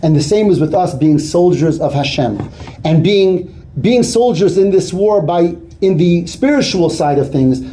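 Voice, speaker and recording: A man giving an earnest sermon as a rabbi, weaving in a story told with lively quoted dialogue. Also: high-pitched, unhurried. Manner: earnest, builds to animated retelling of quoted dialogue.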